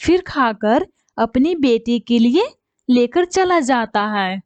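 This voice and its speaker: A woman's voice: on the high side, animated, slow, dry recording, muffled recording. A woman narrating a cartoon story in a plain storytelling manner.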